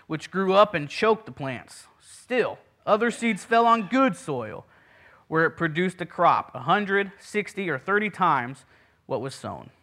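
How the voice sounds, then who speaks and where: A man in his thirties who grew up in Puerto Rico preaches a sermon as a pastor, his fairly high voice bright and forceful. He keeps restarting and drops in earnest, self-deprecating asides.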